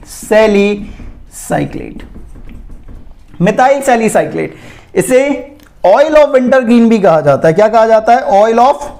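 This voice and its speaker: With a very high, slightly mellow voice, this Indian man teaches exam-prep chemistry conversationally, calling students "beta" and "bhai." He checks in again and again, repeatedly saying "theek hai" and "ye dhyan rakhen."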